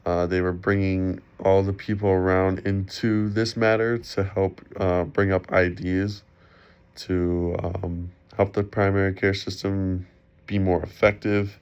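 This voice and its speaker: A young man who sounds slightly sick and muffled, giving an informal, halting student presentation for a class. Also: low voice, flat delivery, a little mellow, clean tone. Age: young adult. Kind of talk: informal spoken presentation for a class discussion post. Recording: dull, lo-fi sound.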